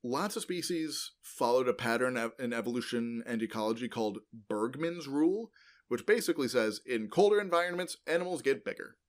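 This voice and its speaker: Briskly and with animation, a mid-range-voiced man rambles through an explanation of paleontology on a casual educational podcast he co-hosts. Lots of ums, uhs, and likes pepper his loose, self-correcting speech.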